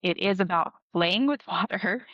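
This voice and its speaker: A woman's voice: lowish voice, unhurried, no room sound. Mom podcaster lady chatting tips, lots of ums, kinda muffled dry audio. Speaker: podcast co-host. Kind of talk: casual podcast chat.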